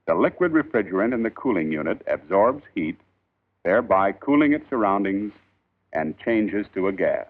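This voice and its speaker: A man reading a scripted 1940s instructional film in a formal, measured, emphatic old newsreel narrator style. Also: lowish voice, big pitch swings. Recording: tinny band-limited 1940s film soundtrack.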